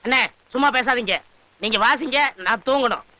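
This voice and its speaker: A whiny, lazy sidekick. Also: male voice, very high-pitched, moderate pace, bright, forceful tone, no room sound, full character voice, poor audio. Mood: whining. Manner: whining, lazy, talking back. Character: lazy sleepy male piper, whiny and cheeky. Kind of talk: 1980s-90s Tamil film comedy dialogue.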